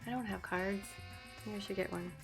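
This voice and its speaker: A young adult woman vlogging a casual unboxing of art supplies, gushing and excitable and often breaking into giggles. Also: mid-range voice, brisk, vocal fry, over music.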